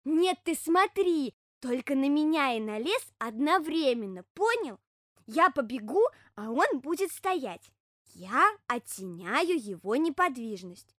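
A woman voicing a small, earnest male hedgehog in a storybook reading, insisting and explaining things slowly. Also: sits high, big pitch swings, fairly bright tone, no room sound, studio quality, exaggerated voice.

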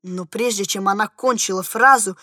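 A woman's voice: mid-range voice, no echo, studio quality. Woman reading a story aloud. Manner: measured, expressive storytelling. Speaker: reader. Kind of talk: literary narration.

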